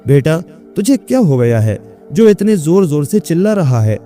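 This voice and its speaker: A man voicing an elderly mother who anxiously pleads with her confused son, in a raised, higher voice. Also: very animated, normal speed, warm tone, soft background music. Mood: pleading.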